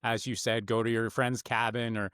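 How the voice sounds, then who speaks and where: A man's voice: medium pitch, level tone, moderate pace, a bit bright, smooth, dry recording, studio quality. A man hosting an interview, asking long, rambling questions full of restarts and fillers. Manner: rambling, many uhs and restarts. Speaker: podcast host.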